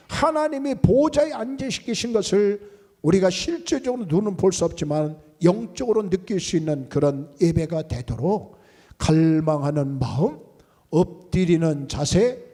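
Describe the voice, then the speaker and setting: A man's voice: sits high, mellow. A male pastor preaching a sermon with emphasis, often repeating his key words. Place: large church sanctuary. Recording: long church reverb.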